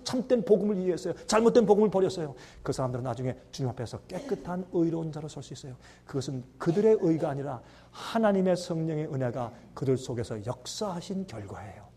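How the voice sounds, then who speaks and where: A man preaching a sermon with lots of energy, acting out voices and swinging between loud and hushed speech. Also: medium pitch, slight background noise. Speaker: pastor.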